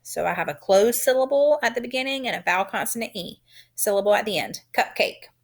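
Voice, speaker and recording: A woman teaching a phonics lesson, sounding out letters and syllables in a deliberate, encouraging way. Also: medium pitch, animated, gravelly.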